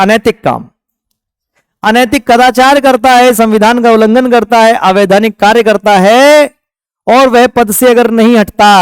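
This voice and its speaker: A man's voice: high-pitched, clear, resonant tone, no room sound, studio quality. A man from India, teaching an exam-prep lecture. He keeps asking the class questions and then answers them himself.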